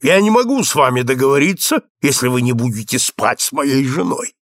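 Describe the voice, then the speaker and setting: A man's voice: mid-range voice, lively intonation, a little fast, no room sound, studio quality, natural voice. A man reading aloud and voicing a blustering, condescending husband who roars his lines. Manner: blustering, roaring.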